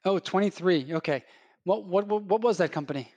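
A man hosting a podcast, introducing a guest and asking questions in a relaxed, conversational way. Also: sits high, brisk, no room sound. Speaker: podcast host. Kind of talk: podcast interview.

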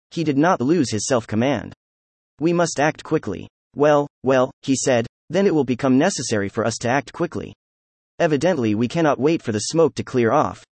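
A man's voice: mid-range voice, a little mellow, no echo. Man reading a story in a dry, close voice. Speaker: audiobook narrator. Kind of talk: scripted narration.

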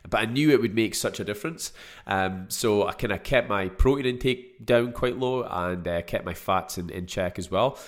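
A Scottish man talks to his podcast listeners in a deep voice that is stuffed up from a cold. His delivery is informal and chatty, wandering loosely from one thought to the next as he speaks on his own. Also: moderate pace. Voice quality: congested, choked up from a cold. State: has a cold. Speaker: podcast host. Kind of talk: casual solo podcast talk.

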